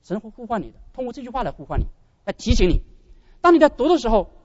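A man preaching a sermon as pastor, animated and often addressing his brothers and sisters. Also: very high-pitched, fast talker, lo-fi sound.

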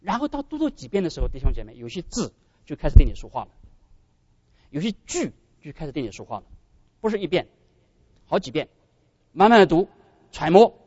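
A man preaching a sermon as pastor, animated and often addressing his brothers and sisters. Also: on the high side, brisk, long pauses, husky, no echo, lo-fi sound.

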